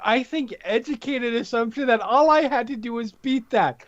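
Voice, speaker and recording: A man's voice: very high voice, moderate pace, no echo, lo-fi sound. A man playing a tabletop roleplaying game, chatting casually in a hesitant, wry way with some swearing.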